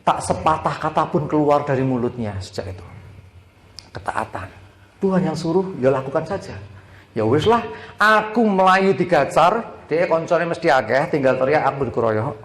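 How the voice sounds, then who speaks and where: Preacher in an echoey hall. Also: male voice, on the high side, lively intonation, moderate pace. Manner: dramatic storytelling, shifting between hushed prayer and loud exhortation. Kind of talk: sermon with personal testimony. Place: church hall.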